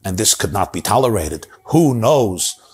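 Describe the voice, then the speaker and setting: A man's voice: on the low side, sing-song, a little slow, a little mellow, husky. A middle-aged man telling a story in a dramatic, repetitive way, recorded with a lapel mic in a study lined with bookshelves. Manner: dramatic, repetitive, gesturing broadly. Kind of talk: animated storytelling.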